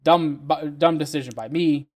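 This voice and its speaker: A man with a slightly high-pitched voice talks like a loud, cocky finance bro. He swears freely and keeps it casual and conversational, like a podcast co-host among friends. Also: steady tone, normal speed.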